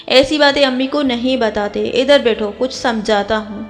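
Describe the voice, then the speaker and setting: A woman's voice: a little high, faint music behind, close to an everyday voice. A woman voicing a frustrated, impatient young husband who scolds and pleads, with long hall reverb.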